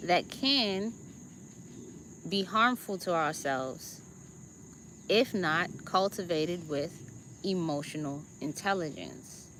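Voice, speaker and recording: A woman with a Jamaican accent hosts a spiritual self-help talk at an unhurried, measured pace. Her voice is bright and sits slightly low, and she often pauses to check in with her listeners. Faint crickets chirp in the background. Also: a little hiss or hum. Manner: deliberate, checks in with listeners with "okay?" and "right?". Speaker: host.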